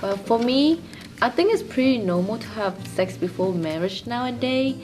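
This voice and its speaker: A woman's voice: a little high, animated, moderate pace, music in the background. Young woman. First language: Vietnamese. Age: young adult. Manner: simple, plain phrasing in a second language. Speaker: interviewee. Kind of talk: casual interview answers.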